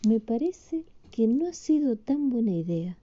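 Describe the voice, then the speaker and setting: A woman's voice: on the high side, very animated, unhurried, mellow. A woman voicing a kind, cheerful female witch in a storybook read aloud. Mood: gently worried. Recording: slightly dull lo-fi.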